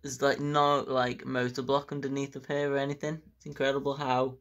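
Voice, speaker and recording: A man's voice: mid-range voice, level tone, brisk, fairly bright tone. A man, casually reviewing a model locomotive at length, enthusiastic and rambling. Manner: enthusiastic, rambling with fillers like "bits and bobs".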